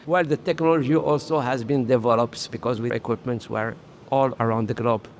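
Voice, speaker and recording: A middle-aged man from Morocco speaking earnestly as an interview guest at a solar trade conference, often pausing with "I would say" to find his words. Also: medium pitch, fairly even intonation. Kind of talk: casual interview talk.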